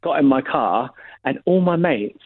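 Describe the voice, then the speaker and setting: A man's voice: medium pitch, animated, unhurried, husky. A young man telling a long story in casual chat, rambling with lots of fillers. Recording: tinny phone-like sound.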